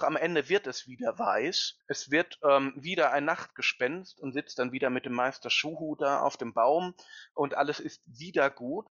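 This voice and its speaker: A man's voice: mid-range voice, fairly bright tone, no echo. A man speaking as an expert guest in a podcast discussion, earnest and lecturing, with emphatic stresses. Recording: dull lo-fi, dry.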